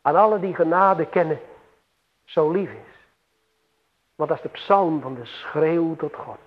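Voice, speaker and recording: A man preaching a sermon slowly and solemnly, with emphatic swells and long pauses. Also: fairly high pitch. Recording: tinny phone-like radio broadcast with long hall reverb.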